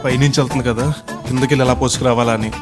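A man's voice: medium pitch, little pitch movement, racing, over loud music, lightly acted. An actor playing a chatty, naive village man, clueless on his first flight, in a film comedy scene. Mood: puzzled. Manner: loud, chatty, rustic and clueless.

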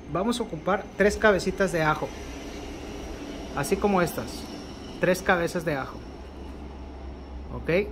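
A Mexican man with a slightly high voice and a Mexican Spanish accent teaches a ritual as an occult instructor, going step by step at a table covered in candles and ritual objects indoors. His spoken tutorial is unhurried and repetitive, with phrases ending in a questioning "ok", and a faint hiss behind him.

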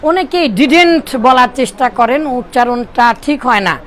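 High voiced guy teaching arabic grammar in class, slow and deliberate, repeats stuff over and over, bit of hiss behind. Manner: animated drilling, repeats phrases for pupils to echo.

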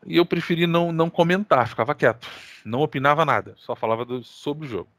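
A man with a Brazilian accent hosting a gaming podcast, telling stories in casual, animated chat full of slang and swearing. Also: fairly high pitch, fast talker, dry recording, studio quality. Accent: Brazilian Portuguese. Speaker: podcast co-host.

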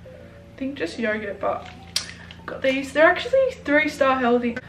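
A woman's voice: high-pitched, big pitch swings, unhurried, fairly bright tone, soft background music. A young woman with an Australian accent, chatting casually and informally as a vlogger. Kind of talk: casual vlog chat. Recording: echoey room, distant mic, clear noise.

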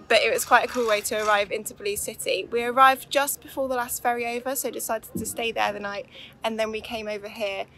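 A woman's voice: medium pitch, sharp tone. A woman co-hosting a travel vlog, talking in a casual, rambling way with ums, outdoors. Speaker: travel vlogger co-host. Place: outdoors, on a boat at sea.

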